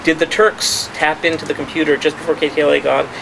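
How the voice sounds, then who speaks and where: A male journalist speaks off the cuff at a press conference held in a restaurant, restarting and repeating words as he makes his points. His voice is fairly high with a level tone and a quick pace, and there is clear background noise.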